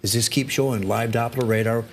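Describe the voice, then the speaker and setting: A man's voice: medium pitch, steady tone, a little fast, a little hiss or hum. An American man casually looking back on events in conversation.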